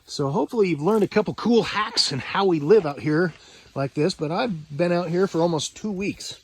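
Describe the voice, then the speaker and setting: A man's voice: high-pitched, moderate pace, a little hiss or hum. A man giving an upbeat, chatty tour of his wall tent and snowy camp in casual vlog style, recorded outdoors and inside the tent on a camera mic. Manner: upbeat, chatty, shows things as he talks. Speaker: vlogger.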